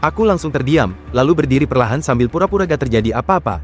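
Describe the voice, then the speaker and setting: A man's voice: medium pitch, lively intonation, fast talker, faint music behind. A man narrating a horror comic recap in the first person, in a casual, slangy storytelling manner.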